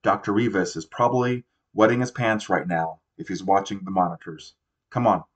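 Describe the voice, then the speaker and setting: A man reading the lines of a tense grown man who guards and protects a boy, in a low, even voice. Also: moderate pace. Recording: dull lo-fi recording.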